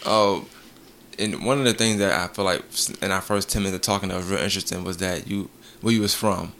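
Fast-talking bright young male host. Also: low-pitched, a little hiss or hum. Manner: quick, animated, conversational. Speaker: interview host. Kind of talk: casual interview conversation.

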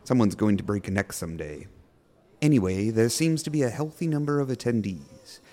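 An actor playing a pompous, eager horror podcast host with theatrical, formal phrasing in a scripted audio drama. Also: male voice, lowish voice, expressive, fairly quick, dark tone, natural voice. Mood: chatty, curious.

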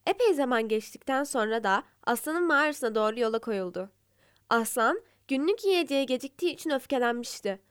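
A woman narrating fables in a calm, measured way. Her voice is high and smooth. The recording is close and dry. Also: dry recording. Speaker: storyteller.

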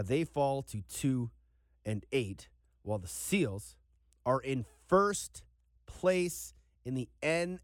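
A man's voice: medium pitch, no echo, studio quality. A man hosting a conversational sports recap as an analyst.

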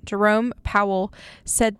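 A woman co-anchoring a student radio newscast, reading stories briskly and now and then restarting a stumbled word. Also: medium pitch, little pitch movement, fairly bright tone, smooth, no echo. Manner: brisk news reading with occasional slips and restarts. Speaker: news anchor.

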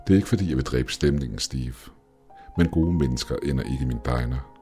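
A man voicing a quiet, unreadable man with a cane who seems to know everything, speaking evenly. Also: rumbling low, faint music behind. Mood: calm, knowing. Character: calm, all-knowing man with a cane.

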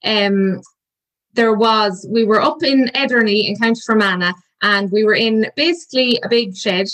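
A woman's voice: medium pitch, normal speed, fairly bright tone, poor audio. A woman with a west of Ireland accent, hosting a podcast in a chatty interview style. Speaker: podcast host.

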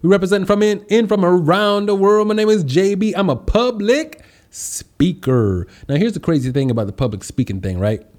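A man's voice: high voice, expressive, normal speed. A man hosting a casual live stream as a podcast host and public speaker, chatting in a slangy, exuberant way and greeting viewers. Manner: upbeat, exuberant greetings and shout-outs; slangy, conversational.

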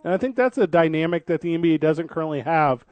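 Male sports radio host, higher-pitched, dry sound, casual and conversational, rephrasing as he builds arguments. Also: animated, fast, no room sound, highs cut off. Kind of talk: casual sports talk commentary.

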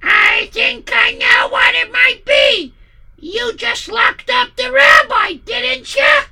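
A man voicing a landowner's wife in a high, scolding falsetto. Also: slow, vocal fry, bright, forceful tone, raised voice, far from the mic, full character voice. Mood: accusing. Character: shrewd noblewoman, landowner's wife, insistent.

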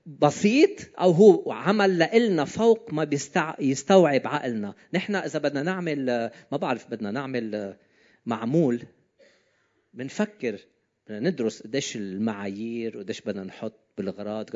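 The man giving this informal sermon is a preacher with a Levantine, Lebanese Arabic accent who talks conversationally and often asks his listeners questions. He speaks fairly quickly in a mid-range, darkish voice, and the audio is slightly dull and lo-fi.

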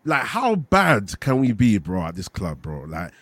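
A man's voice: fairly low pitch, huge pitch swings, measured pace, fairly bright tone, no room sound. London roadman-accented young man, dry close sound. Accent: London, urban street slang (roadman). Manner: slangy, emphatic venting with repeated tag questions. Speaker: football fan panellist. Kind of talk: casual football fan chat.

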